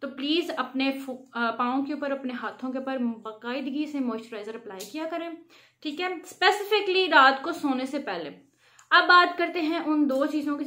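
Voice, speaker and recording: A woman's voice: high-pitched, fairly bright tone. A woman giving a chatty, instructive home skincare tutorial, often checking in with her viewers. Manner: chatty, instructive, frequent "theek hai" check-ins. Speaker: beauty vlogger. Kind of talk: casual how-to vlog.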